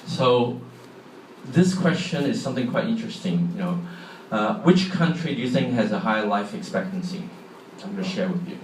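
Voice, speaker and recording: A middle-aged man with a Hong Kong accent speaks expressively at a normal speed in a lowish voice, giving a conversational public talk and asking the audience questions. The setting is a large hall, recorded from a distance with echo and faint ambience. There is a little hiss or hum.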